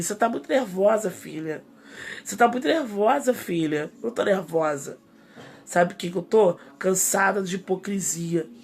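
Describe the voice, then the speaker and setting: A woman's voice: mid-range voice, breathy edge. A woman in her thirties with a Brazilian accent, a pastor preaching an impassioned, indignant sermon in rising bursts. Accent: Brazilian Portuguese. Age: 30s.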